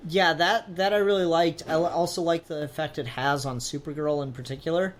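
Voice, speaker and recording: Chatting loosely about comics, this podcast host rambles and swears a little in an informal way. The medium-pitched voice keeps a fairly even intonation and runs a little fast, with slight background noise present.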